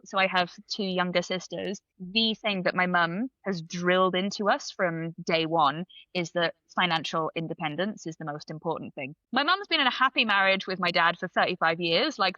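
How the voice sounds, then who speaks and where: A Belgian woman with British parents, a writer and comedian, chats as a guest on a casual podcast, laughing between thoughts and hedging often. Her lowish voice is bright and forceful, recorded with no echo and the highs cut off.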